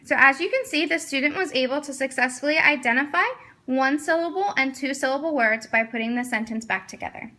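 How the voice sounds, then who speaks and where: Teacher demo: woman, high and bright, explains step by step, coaches a student. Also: brisk. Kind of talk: instructional demonstration.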